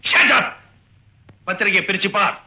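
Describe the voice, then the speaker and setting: A man's voice: high-pitched, unhurried, sharp tone, heavily acted. An actor playing a hot-tempered male college principal who gives curt, scolding orders. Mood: angry.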